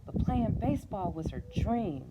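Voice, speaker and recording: A middle-aged woman with a mid-range, sing-song voice reads a storybook aloud in an encouraging, conversational way, pausing to ask a young listener questions. Heavy background noise is present.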